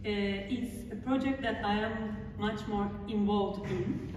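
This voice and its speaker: A woman with a Turkish accent giving a public lecture in an art gallery, speaking earnestly with many filler sounds and halting phrases. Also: mid-range voice, noisy background. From Turkey. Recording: echoey gallery hall from far off.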